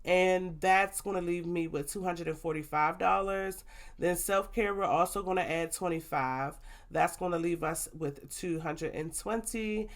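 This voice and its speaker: A woman's voice: lowish voice, a little slow. A woman, congested, chatting casually to viewers as she walks through her budget. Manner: chatty, addresses viewers as y'all and baby. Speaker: budgeting vlogger.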